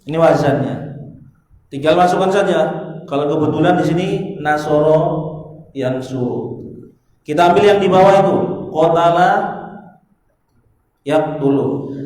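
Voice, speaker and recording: A man's voice: a little high, darkish tone. A man teaching an Arabic grammar class, explaining patiently, asking the students questions, and chanting verb patterns with them. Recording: echoey hall with long reverb.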